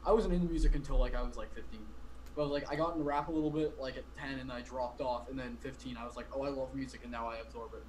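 Speaking quickly in a medium pitch with fairly even intonation, a young man of about 20 chats as a podcast guest. He rambles, leans on fillers, and often stops himself mid-thought. The audio comes from a video call in his bedroom, and the background is noisy.

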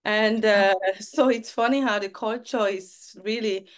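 A Cameroonian woman hosts an interview over a video call from a home setup with a virtual background, offering short affirming replies. Her voice is mid-range and steady, and she speaks a little slowly.

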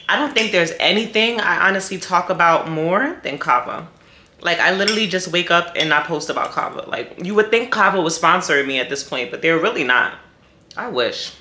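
A woman's voice: on the low side, sharp tone, roomy sound, a little hiss or hum. A young woman chatting casually on her food vlog, tasting a dish and talking to viewers while she eats. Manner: chatty, tastes and reacts while eating. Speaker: vlogger.

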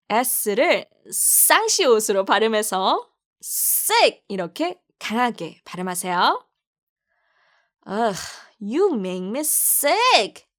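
A woman teaching English pronunciation, saying each phrase slowly and praising the learner warmly. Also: a little high. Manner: upbeat, praising, spelling out each word slowly. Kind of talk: slow pronunciation drill.

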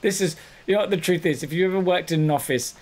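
A man chatting casually to viewers while he plays a game, often halting on "uh" and "um". His voice sits a bit high for a man. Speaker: streamer. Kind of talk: casual chat over gameplay.

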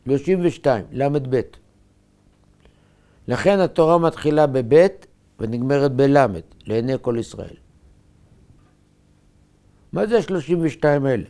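A man, a rabbi, preaching a sermon in short, emphatic, measured phrases. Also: mid-range voice, expressive, warm tone.

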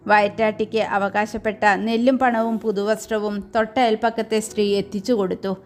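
A woman reading a novel chapter aloud in steady, measured storytelling. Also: mid-range voice. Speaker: narrator. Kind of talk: scripted narration of a novel chapter.

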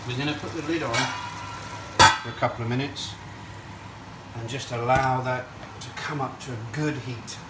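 An echoey kitchen recording, picked up at some distance from the mic, carries a man hosting a cooking show. He has a mid-pitched voice and chats through each step in an explanatory, rambling way. Sizzling and stirring sit behind him. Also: steady tone, a little slow, heavy background noise. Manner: chatty, explanatory, digressive. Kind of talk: casual cooking demonstration to camera. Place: indoor kitchen at a stove. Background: frying sizzle and stirring.

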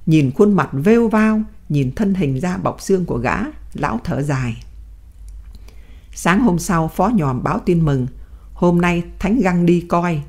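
A woman narrating an audiobook in a calm, steady reading voice. Her pitch sits somewhat low for a woman, and she keeps an even, unhurried delivery throughout. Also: breathy edge.

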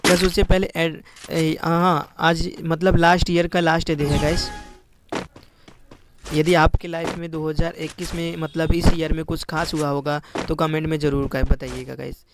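Excitable man commentating a game. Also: on the high side, normal speed. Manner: excitable, repeats words, addresses viewers as guys. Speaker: gaming YouTuber. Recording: loud background noise.

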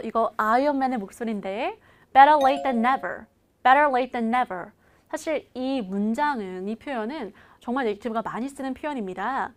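A woman teaching an online English lesson, coaching viewers to repeat after her and slowing right down to model each phrase. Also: fairly high pitch.

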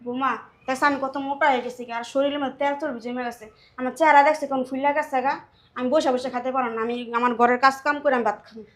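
A woman playing a frail, meek elderly mother-in-law, speaking softly and pleadingly. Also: high-pitched, steady tone, very fast, natural voice. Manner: pleading, soft-spoken. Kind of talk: amateur drama acting.

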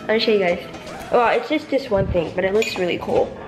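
A young woman vlogs casually while cooking in a large home kitchen, chatting through each step at a fairly quick clip in a medium pitch. She films on a handheld camera that she sometimes sets down farther off, and the kitchen echoes with music playing behind her.

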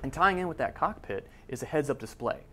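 A man in his forties reporting a news feature, explaining technology in a brisk, conversational way. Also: mid-range voice, very animated, sharp tone, husky, soft background music. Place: office room.

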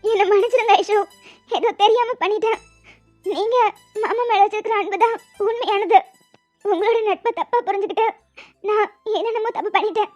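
A woman's voice: very high-pitched, fairly quick, a little mellow. A woman voicing a remorseful, jealous young woman who talks in an earnest, pleading way. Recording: dull lo-fi audio with music.

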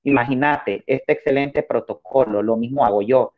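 A man's voice: medium pitch, normal speed. A man, hosting a chat and reading viewer comments aloud one after another. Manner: reads comments in a steady run. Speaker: host. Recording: dull lo-fi sound.

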